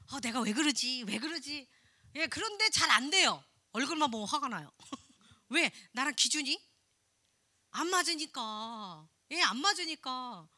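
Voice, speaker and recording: A woman, a pastor's wife, preaching a sermon in an animated, playful way, with laughing asides and sudden drops to a hush. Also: high voice.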